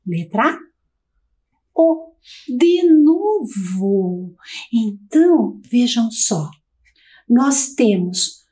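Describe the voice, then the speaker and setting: A woman with a Brazilian accent teaching a televised lesson to young children, speaking slowly and encouragingly in a sing-song way. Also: a little high. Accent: Brazilian Portuguese. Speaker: primary school teacher.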